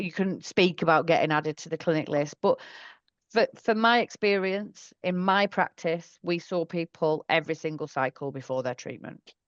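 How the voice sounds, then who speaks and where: A woman's voice: on the low side, clear, resonant tone, no room sound, dull audio. A woman working as a specialist nurse, answering questions in an online session in a chatty, thorough way, often correcting herself.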